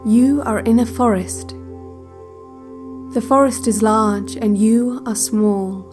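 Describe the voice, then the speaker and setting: In an audio drama, a woman plays a relaxation cassette guide, speaking very slowly in a slightly high, calm voice over background music. Her delivery is measured, deliberate and instructional, using short, spaced sentences in a scripted second-person guided visualization with a calm, hypnotic mood.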